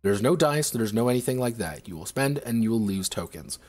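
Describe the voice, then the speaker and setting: A man's voice: medium pitch, expressive, a little fast, darkish tone. A man reviewing tabletop games on a livestream, ranting sarcastically. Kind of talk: livestream game review rant.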